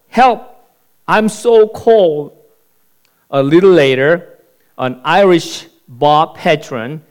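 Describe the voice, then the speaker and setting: A male pastor delivering a sermon. He speaks very slowly and deliberately, in a clear, smooth voice pitched a little above average. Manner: slow, deliberate storytelling. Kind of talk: sermon with a told joke.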